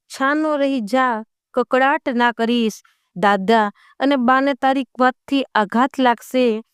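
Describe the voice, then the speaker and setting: A woman voicing a ten-year-old girl gently pleading with her little brother to stop crying. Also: sits high, slow, clear, resonant tone, no echo, clean studio sound.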